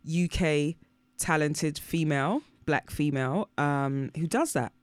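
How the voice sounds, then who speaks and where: A woman from Northwest London with a London accent, co-hosting a podcast in a joking, expressive way and laughing often. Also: low voice, unhurried, no echo. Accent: London English. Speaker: podcast co-host. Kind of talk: casual chat.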